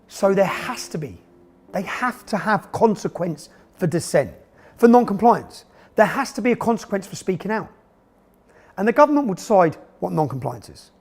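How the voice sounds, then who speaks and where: Lively, high-pitched sarcastic male narrator. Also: moderate pace, breathy edge. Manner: sarcastic, emphatic. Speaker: documentary narrator and presenter. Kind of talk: documentary narration.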